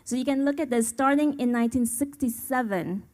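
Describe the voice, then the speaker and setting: A woman's voice: high-pitched, a little fast, a little mellow. Woman from Vietnam giving a conference talk. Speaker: panel speaker, human rights advocate. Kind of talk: conference presentation.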